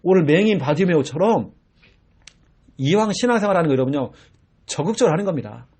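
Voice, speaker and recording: A man in his forties preaches to a church congregation. His voice is husky and sits fairly high, and it swings widely in pitch as he acts out pleading cries. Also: fast. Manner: animated preaching with acted-out shouts. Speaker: pastor. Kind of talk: sermon.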